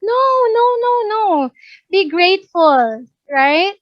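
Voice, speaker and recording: A workplace communication trainer with a Filipino English accent speaks slowly in a very high voice with big pitch swings, casually mixing Tagalog and English as she teaches and often checking that she's understood. The audio is dull, with no echo.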